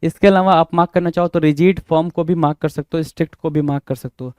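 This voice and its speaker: Male tutor, fairly high, mellow tone, dry recording, repeats and spells words. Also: fairly even intonation, fast talker, smooth, no echo. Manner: repetitive, spells words letter by letter, quizzing the viewer; mixes Hindi and English. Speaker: English vocabulary teacher. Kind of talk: exam-prep vocabulary lesson.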